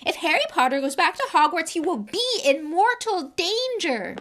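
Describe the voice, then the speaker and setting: A woman doing Dobby, a squeaky trembling house-elf. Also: sing-song, moderate pace, fairly bright tone, exaggerated voice. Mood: pleading. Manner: refers to himself in the third person, fervent and pleading. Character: tiny servile male house-elf, anxious and tearful.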